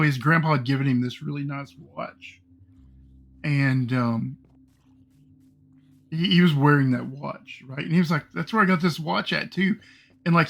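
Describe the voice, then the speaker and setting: Gravelly, bright-voiced middle-aged man rambling. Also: fairly high pitch. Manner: rambling, halting, full of fillers and swearing. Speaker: streamer. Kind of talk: casual storytelling while gaming.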